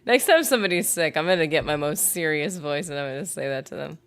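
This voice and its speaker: Woman gaming streamer, slightly low pitch, loose chatty rambling, reads chat aloud. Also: lively intonation, fast talker. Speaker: gaming livestreamer. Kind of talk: casual livestream chat while gaming.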